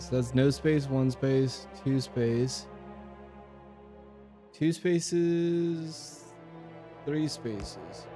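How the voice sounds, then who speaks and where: Young male host, casual gameplay talk, unhurried and musing, faint music bed. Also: medium pitch, dark tone. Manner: thinks aloud, hesitant fillers, repeats himself. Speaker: game channel host.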